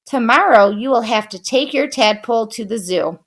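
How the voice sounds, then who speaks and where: A woman's voice: a little high, animated, normal speed, vocal fry. A woman voicing a boy's stern, exasperated parents in a storybook reading. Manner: stern, sensible.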